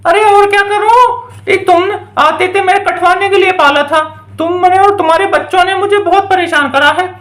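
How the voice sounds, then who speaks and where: A woman's voice: extremely high pitch, fairly even intonation, normal speed, hardly any pauses, a bit bright, echoey room. A woman voicing a stubborn village mother in a toy doll story, scolding and bargaining.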